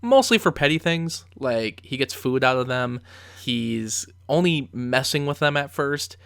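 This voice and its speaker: A man's voice: medium pitch, animated, a little slow, vocal fry, fairly bright tone, clean tone, no room sound, studio quality. A man giving conversational film commentary as a reviewer, telling the story with emphatic asides.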